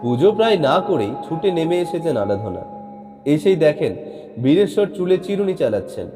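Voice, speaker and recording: A man narrating a classic short story in a steady, literary reading manner. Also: a little high, normal speed. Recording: long reverb, faint background music.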